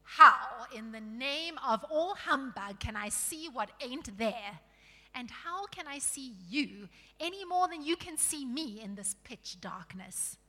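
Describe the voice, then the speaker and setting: A woman voicing a surly, suspicious dwarf in a storybook reading, barking gruffly with blustering, colloquial grumbles. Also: high-pitched, animated, takes it slowly, sharp tone, long reverb tail, full character voice. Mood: indignant.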